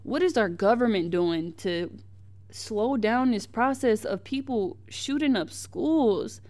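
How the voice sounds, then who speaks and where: A woman's voice: fairly high pitch, lively intonation, takes it slowly, darkish tone. A young woman hosting a podcast, giving heated, emphatic commentary on the news, with slang and frequent restarts. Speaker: podcast host.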